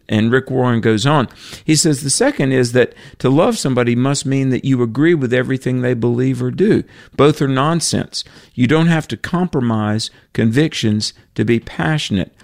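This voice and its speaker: This radio faith discussion features a creaky-voiced man of middle pitch who talks earnestly, citing verses while filling pauses and starting sentences over again and again. His sound is close and dry, with no room sound at all.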